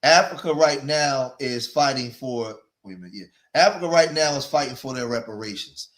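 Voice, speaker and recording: A man's voice: medium pitch, a little fast, fairly bright tone. A man in his forties with an East Coast accent hosting a casual commentary livestream. He talks straight to his viewers and repeats phrases to drive his points home. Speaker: livestream host. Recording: echoey room.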